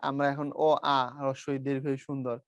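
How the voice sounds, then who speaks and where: A man's voice: medium pitch, level tone, a little fast, smooth, no room sound, lo-fi sound. A young adult man from Bangladesh with a Brahmanbaria-tinged Bengali accent, teaching an online class and modeling sounds aloud step by step. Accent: Bangladeshi Bengali, Brahmanbaria region. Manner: explains step by step, calls students brother, models sounds aloud.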